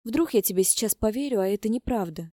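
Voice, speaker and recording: A woman's voice: medium pitch, expressive, quick pace, warm tone, dry recording, clean studio sound, voice pushed up, natural voice. A woman voicing a frightened, tearful young pregnant woman who complains plaintively.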